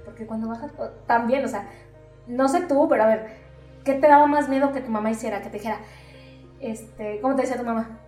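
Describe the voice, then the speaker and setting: A lively Mexican woman therapist talks through ideas with plenty of fillers, slipping into little acted-out voices. She sits a bit back from the mic, so her voice bounces around a roomy space. Her voice sits on the high side, with faint music underneath. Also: a little fast, distant mic. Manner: animated, acts out quoted voices, many fillers. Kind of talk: conversational explaining.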